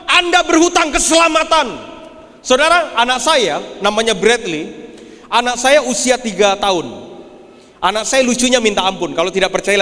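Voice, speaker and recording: A young man preaching a sermon as pastor, animated, swinging from quiet asides to shouted high points. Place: church hall. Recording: long hall reverb.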